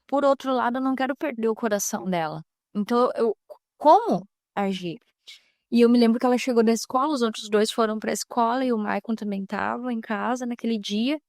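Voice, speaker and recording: A woman's voice: a little high, fairly quick, a little mellow, no room sound, studio quality. A middle-aged woman, a mother and housewife, earnestly sharing a faith testimony and acting out family dialogue as she tells it. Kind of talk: personal faith testimony on a podcast.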